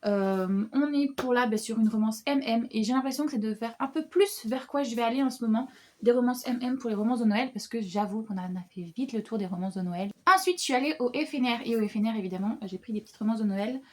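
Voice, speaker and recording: A young woman talks through her winter reading list in a loose, animated way, full of little fillers and quick restarts. Her voice sits a touch high and stays friendly and conversational throughout. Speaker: book vlogger. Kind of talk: casual book haul chat.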